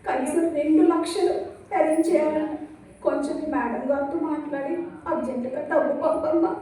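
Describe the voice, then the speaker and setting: Brief: woman voicing an urgent worried mother, high voice, distant reverberant room. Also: fairly even intonation, brisk, mellow, close to an everyday voice. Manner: urgent, pleading. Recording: echoey room from far off.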